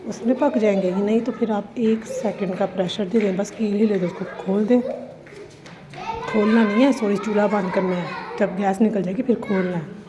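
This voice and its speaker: A woman's voice: mid-range voice, fairly even intonation, moderate pace, a crowd in the background. A woman, narrating a casual home and cooking vlog in a chatty, homely way. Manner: chatty, homely, addresses viewers as "ji". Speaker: vlogger. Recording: slightly dull lo-fi recording with faint ambience. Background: faint household noise.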